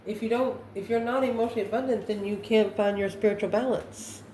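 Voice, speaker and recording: A woman hosting a tarot session reads cards intuitively for her viewers, thinking aloud in short, halting phrases. Her voice is mid-pitched, steady and mellow. She sits a little way from the mic in a roomy, echoing space, with background noise present.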